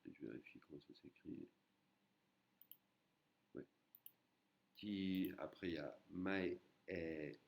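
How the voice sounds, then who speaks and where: A man's voice: very deep voice, slow, creaky, pauses often, dull audio. A man teaching an online language lesson, patiently repeating and breaking words into syllables.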